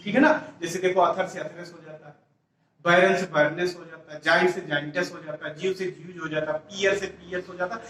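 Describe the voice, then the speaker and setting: A male teacher with a fairly high, bright voice walks a class through English grammar step by step, repeating words and posing rhetorical questions. He sounds distant, recorded in an echoey room.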